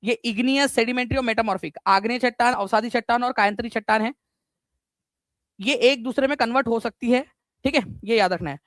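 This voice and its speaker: During a live online exam-prep lesson, a male teacher quizzes students energetically, repeats himself, and mixes in English. He speaks a little fast in an extremely high pitch, without echo.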